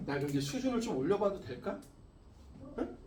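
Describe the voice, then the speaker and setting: A man's voice: on the high side, lively intonation, moderate pace, background noise. A man teaching a physics class, blunt and coarse, scolding and constantly checking that his students follow. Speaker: physics teacher at a cram school. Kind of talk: classroom lecture. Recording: echoey classroom from far off.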